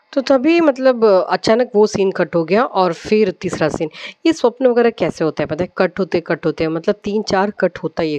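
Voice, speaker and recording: A woman's voice: on the low side, darkish tone, no echo. A woman on a devotional channel casually retelling a dream, rambling, with many fillers and English words mixed in.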